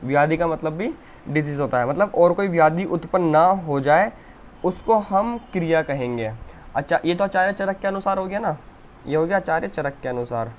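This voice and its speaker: हिंदी में धीरे-धीरे समझाते युवा शिक्षक. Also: male voice, on the high side, animated, normal speed, a little hiss or hum. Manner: explains step by step, often checks with "ठीक है". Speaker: Ayurveda teacher. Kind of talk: whiteboard lecture.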